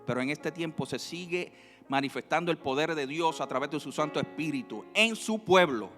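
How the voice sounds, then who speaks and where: A male pastor preaching a sermon, swinging between loud emphasis and quiet, drawn-out teaching. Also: a little high, expressive. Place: church sanctuary. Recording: reverberant hall with faint music.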